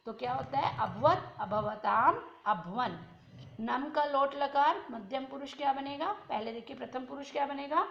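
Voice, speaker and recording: High, gravelly-voiced woman teaching in an echoey room. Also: a bit bright, lo-fi sound. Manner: patient, asks and answers her own questions, drawn-out recitation. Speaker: Sanskrit teacher. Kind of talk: classroom lesson explaining exercises.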